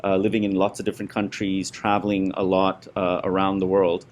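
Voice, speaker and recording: A middle-aged man from India, a guest being interviewed, talking warmly with many fillers and restarts. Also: sits low, completely flat delivery, fairly quick. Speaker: guest, school parent and former board member. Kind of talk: conversational interview.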